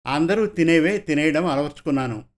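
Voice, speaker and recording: Male reader plays a soft-spoken, devoted young wife in an audio story. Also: a little high, brisk, natural voice. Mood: calm.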